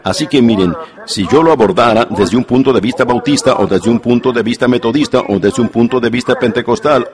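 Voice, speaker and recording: A man's voice: medium pitch, brisk, crowd noise. Male preacher telling stories in a sermon. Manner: storytelling, earnest, repetitive emphasis. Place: church service before a congregation.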